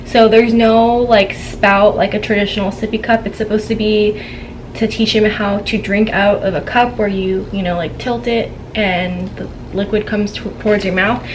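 A woman's voice: mid-range voice, steady tone, normal speed. A young woman vlogger in casual haul chat at home, talking to a camera, chatty and giggly as she tells stories. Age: young adult. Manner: chatty, giggly, gossipy storytelling. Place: home room, indoors. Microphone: camera on a tripod, seated. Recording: noisy home room.

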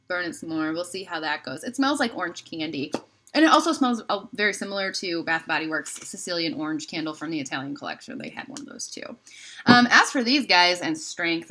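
Bright-voiced chatty woman reviewing candles. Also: mid-range voice. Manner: chatty, rambling, lots of "like" and trailing off. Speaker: candle haul vlogger. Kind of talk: casual haul review to camera. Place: indoors, home room.

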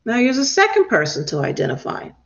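A woman teaching from the Bible in a sermon, reading scripture and breaking in with expressive asides and praise. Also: on the high side, fast, vocal fry. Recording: dull lo-fi recording.

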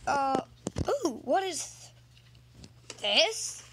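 A woman hosting a casual toy unboxing vlog, narrating chattily and excitedly. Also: high-pitched, extremely slow, background noise.

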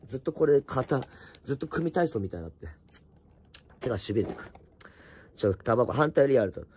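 A middle-aged man with a slightly hoarse voice, chatting casually on a late-night livestream from home, reading viewer comments and answering them bluntly with teasing, rough asides. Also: mid-range voice, expressive, fairly quick, darkish tone, a little hiss or hum. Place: at home, wrapped in an electric blanket.

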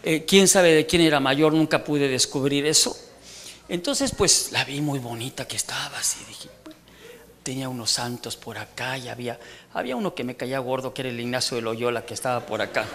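A man's voice: medium pitch, fairly quick, fairly bright tone. A man in his sixties with a Mexican accent, telling a humorous testimony in a church sermon and teasing the congregation. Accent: Mexican Spanish. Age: 60s. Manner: joking storyteller who teases the congregation. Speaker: preacher giving testimony.

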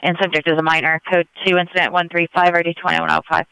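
Male police dispatcher, high and crisp, procedural call readouts over police radio. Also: little pitch movement, fast talker, bright, forceful tone, dry recording, poor audio. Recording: police scanner radio transmission.

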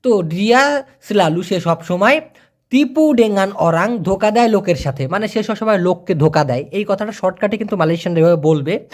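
In a video lesson, a Malay teacher with a mid-range, slightly mellow voice says foreign phrases very slowly and repeats them. The teacher keeps coaxing viewers along with "please" and "brother."

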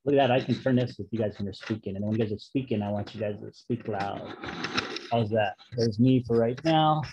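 A man's voice: on the low side, brisk, highs cut off. A middle-aged man speaking conversationally as he leads a Bible study group, addressing people directly. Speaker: congregation leader teaching a Bible study. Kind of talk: informal greeting and study leading. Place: small office or classroom, indoors. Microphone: webcam video call microphone. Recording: clear background noise and clicks.

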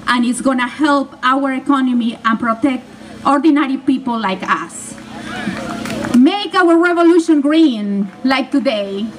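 A Peruvian-born woman running for office gives an earnest, emphatic rally speech from an outdoor stage in a park. Her high-pitched voice, carried by a podium mic, was captured by a distant camera, so it has the sound of far-off outdoor PA with a bit of hiss or hum.

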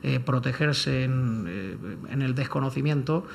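Slight background noise sits under this panelist's medium-pitched voice, which has vocal fry and a measured pace. As a lawyer in a round-table debate, he comments on legal matters without a script, formally and carefully, pausing often to hesitate.

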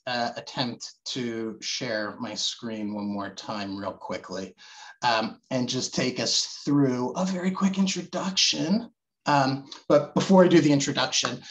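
A man hosts a video call panel, talking loosely and restarting phrases. His voice sits in a middle pitch. He fills gaps with frequent uhs and ums. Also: lo-fi sound. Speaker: webinar moderator.

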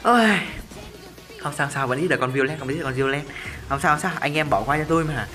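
A young man giving live gameplay commentary, chatty and self-mocking, who jumps to excited yelling in fights. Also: medium pitch, very fast. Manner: self-mocking, cursing banter. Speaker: gameplay streamer. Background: faint background music.

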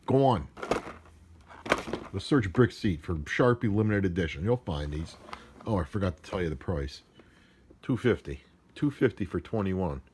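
A man sits at a wooden desk indoors, unboxing on camera with casual, sarcastic grumbles, filmed by handheld phone amid noise and handling clicks. His low, slightly mellow voice has lively intonation, a little slow, with frequent pauses.

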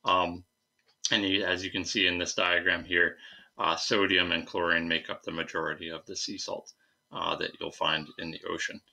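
A young male science teacher gives an informal slide lecture at a computer indoors, explaining with hesitant phrasing and asides. His voice is low and creaky yet bright and forceful, with little pitch movement and a normal speed.

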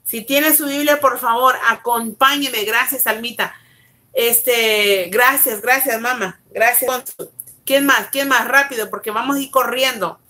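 Brisk, bright-voiced woman pastor. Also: on the high side, fairly even intonation. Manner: brisk, greets viewers by name, urges them on. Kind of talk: livestreamed Bible teaching. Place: bedroom at home.

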